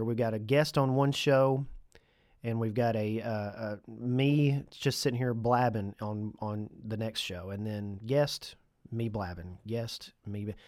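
A man's voice: medium pitch, no room sound, clean studio sound. Congested man hosting a casual podcast. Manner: chatty, conversational, lightly joking asides. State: stuffy nose, congested. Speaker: podcast host. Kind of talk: casual solo podcast talk.

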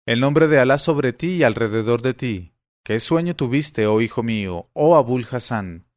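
A man's voice: medium pitch, lively intonation, normal speed, dry recording, studio quality, close to an everyday voice. A man voicing an elderly mother who pleads and laments over her son. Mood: pleading. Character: frightened, pleading old mother.

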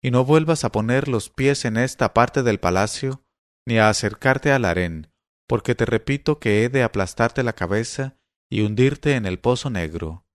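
A man voicing a menacing male efrit spirit in a storybook reading, giving orders slowly and sternly. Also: medium pitch, no room sound, studio quality, lightly acted.

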